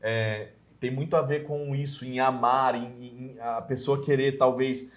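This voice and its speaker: A man with a Brazilian Portuguese accent, mentoring on evangelism in a casual, earnest chat, often pausing with hesitation fillers. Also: mid-range voice, steady tone.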